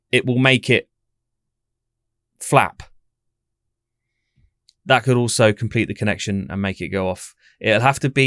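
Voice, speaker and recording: Skeptical man, smooth and dry. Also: mid-range voice, fairly bright tone, no room sound. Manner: skeptical, explanatory. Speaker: paranormal debunker host. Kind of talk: casual commentary and testing.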